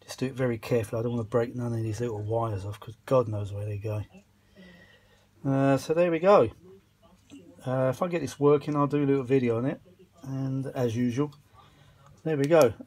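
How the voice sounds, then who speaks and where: Holding his phone as he works on old audio equipment, this British man rambles colloquially to camera, grumbling mildly and muttering to himself. His mid-range voice is a little mellow, brisk, broken up by long pauses.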